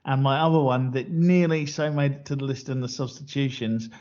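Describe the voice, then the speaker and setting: A man's voice: medium pitch, fairly even intonation, fairly quick, a little mellow. Joking man on a podcast. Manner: joking, rambling film-buff banter. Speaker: podcast co-host. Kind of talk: casual chat. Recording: dull lo-fi podcast audio.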